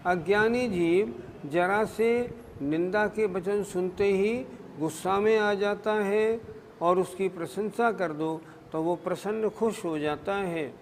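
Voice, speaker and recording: Man teaching scripture, high voice, unhurried delivery, long hall reverb, faint hum behind. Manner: slow, explanatory, poses and answers his own questions. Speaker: religious scholar answering questions. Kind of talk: scriptural discourse.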